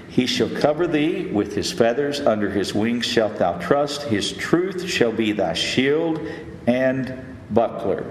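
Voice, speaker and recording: A pastor preaching a sermon, reading scripture aloud and swelling into loud, emphatic peaks. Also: male voice, on the low side, slight background noise. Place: church sanctuary. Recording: roomy hall reverb, faint ambience.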